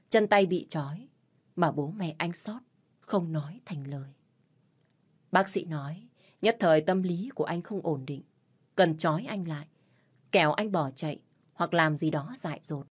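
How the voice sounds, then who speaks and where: A woman narrating an audio story in a steady, measured way. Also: on the low side, slightly rough.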